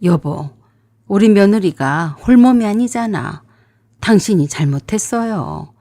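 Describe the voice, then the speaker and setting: A woman voicing a calm, measured older father-in-law in a radio drama. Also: medium pitch, no room sound, studio quality, lightly acted. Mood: reproving.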